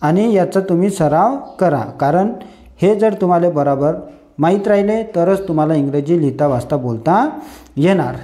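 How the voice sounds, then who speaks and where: A man's voice: a little high, lively intonation, moderate pace, dark tone. A man teaching English phonics to beginners, asking questions and then answering them himself. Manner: repetitive call-and-response teaching, asks and answers own questions. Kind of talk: slow phonics lesson for beginners.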